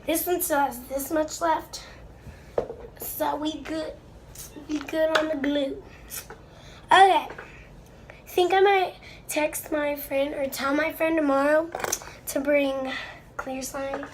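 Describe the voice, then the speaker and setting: A child slime maker with a stuffy nose speaks slowly in a high-pitched, fairly even voice, leaving long pauses as she crafts at home. She chats and rambles casually, a little apologetically, to her viewers while feeling under the weather. The amateur recording is noisy with clicks.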